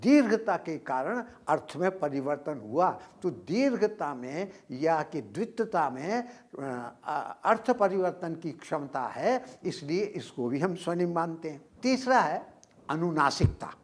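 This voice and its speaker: An older man giving a recorded university lecture, explaining slowly with drawn-out pauses and stressing words to demonstrate his examples. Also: fairly high pitch, sing-song.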